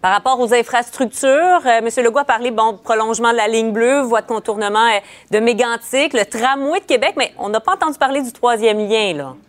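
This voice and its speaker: A woman's voice: on the high side, fairly quick, few pauses. A woman with a Quebec French accent hosting a conversational news interview, setting up questions in informal phrasing. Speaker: host interviewing a commentator.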